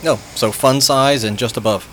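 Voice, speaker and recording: A man's voice: medium pitch, moderate pace, a bit bright, a little hiss or hum, rough recording. A man joking wryly as a guest in a radio studio. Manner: wry, joking. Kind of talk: casual radio banter.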